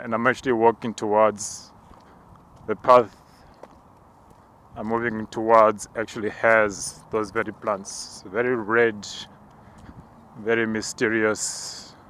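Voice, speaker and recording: A man preacher walking outdoors and narrating spiritual visions in a hushed, halting, contemplative way. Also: lowish voice, slight background noise. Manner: slow, hushed, halting and contemplative, with tongues-like words. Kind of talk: spoken prayer walk, narrated visions.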